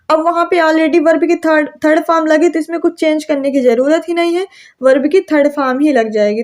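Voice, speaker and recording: A young woman teaching an English grammar lesson, asking questions and answering them herself, stretching out her example sentences slowly. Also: high-pitched, a little mellow.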